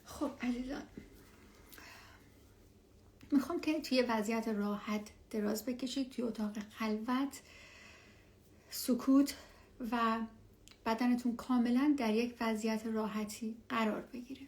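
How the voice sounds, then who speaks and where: A woman with a slightly high voice guides listeners through a relaxation exercise. She speaks softly and soothingly, often slipping toward a breathy whisper. Her phrases are unhurried, with room left between them. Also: steady tone. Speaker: meditation guide. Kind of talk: guided relaxation meditation, instructing listeners directly.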